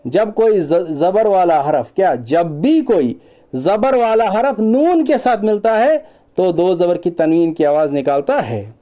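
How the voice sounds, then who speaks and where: A man teaching children Quran reading, reciting letter sounds slowly one by one and patiently repeating each rule, with mixed into his explanations. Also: high voice, very animated, mellow. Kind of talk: children's lesson, slow drilled recitation.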